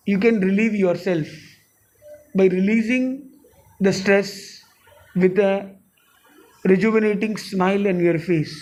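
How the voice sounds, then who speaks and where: A man giving a live motivational talk to an audience, playful and often laughing as he mixes Hindi with English phrases. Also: high voice. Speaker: spiritual speaker addressing an audience.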